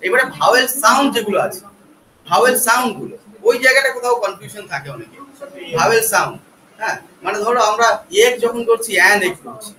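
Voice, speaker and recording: Male teacher from West Bengal, high bright voice, patient letter-by-letter explainer, recorded from afar in a roomy classroom. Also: animated, fairly quick. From West Bengal, India. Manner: explains patiently, spells words letter by letter, asks rhetorical checks. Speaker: English teacher. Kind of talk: classroom grammar lecture. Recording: echoey classroom from far off, faint background noise.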